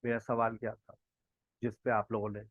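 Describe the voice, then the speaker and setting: A man from Pakistan, a native Punjabi speaker, teaching spoken English in an online class over a video call, slowly quizzing his students and modeling English phrases. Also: fairly low pitch, little pitch movement, dry recording. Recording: dull lo-fi online call audio.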